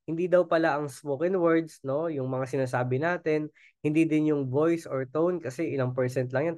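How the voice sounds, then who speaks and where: A man's voice: medium pitch, a little mellow, no room sound, studio quality. A man with a Filipino accent running a casual sales training, chatty and coaxing, always checking in with his listeners. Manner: keeps asking the audience "di ba?", chatty and coaxing. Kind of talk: casual Taglish training talk.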